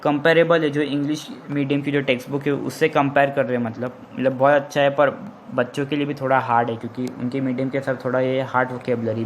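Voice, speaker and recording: A male English teacher explaining a textbook lesson line by line, rephrasing often and reading the English passages slowly. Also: mid-range voice, a little hiss or hum, poor audio. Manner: reads English lines slowly and deliberately.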